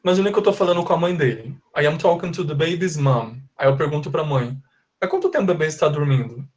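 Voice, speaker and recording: A patient Brazilian man explaining grammar, voice a touch high. He keeps checking that his class follows along. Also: fast, darkish tone. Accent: Brazilian Portuguese. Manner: patient, repetitive, checks understanding often. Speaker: English teacher. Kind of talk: live online class explanation.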